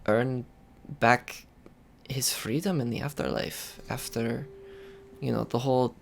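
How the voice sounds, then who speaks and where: A man playing a tabletop game in character, talking in halting, hesitant bursts. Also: mid-range voice, steady tone, vocal fry. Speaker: player.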